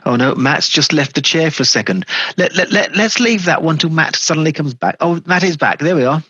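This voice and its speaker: A man's voice: a little high, animated, a little fast, sharp tone, breathy edge, no echo, dull audio. A man co-hosting an online meetup over a video call, joking and laughing often. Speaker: meetup organiser, co-host. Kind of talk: casual chat.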